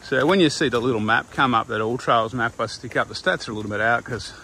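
An older Australian man talks in a laid-back, rambling way, like someone vlogging on a walk. His voice sits at a middling pitch. It is recorded outdoors on a handheld device, with clear wind and ambient noise behind him. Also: fast, pushed and bright. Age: older, around 60s. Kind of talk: casual walking vlog chat. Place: outdoors on a windy coastal walking path.

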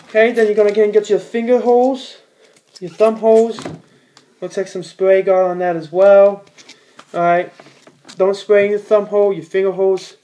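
A teenage boy, a bowler, shows how he cleans his ball in a small room at home, rambling casually in plain speech full of fillers and restarts. His voice is high-pitched and mellow, delivered flatly at a moderate pace.

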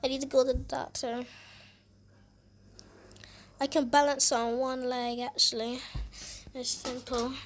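A woman voicing her game character, narrating her own actions playfully and repeating phrases excitably. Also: high-pitched, unhurried, long pauses, noisy background. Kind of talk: playful game voice-over role-play.

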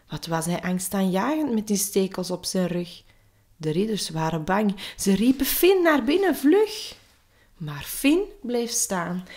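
Slow, lively woman reading a picture book. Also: mid-range voice. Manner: slow, expressive storytelling. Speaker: teacher.

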